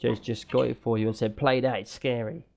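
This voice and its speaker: A man's voice: mid-range voice, steady tone, brisk, vocal fry, darkish tone. A British man talking casually and enthusiastically as the host of a gaming podcast.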